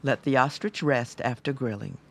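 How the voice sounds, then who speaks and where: A man's voice: medium pitch, normal speed, vocal fry, noisy background. A man reading scripted narration for a cooking show. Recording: guitar music under voice-over. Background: plucked guitar music.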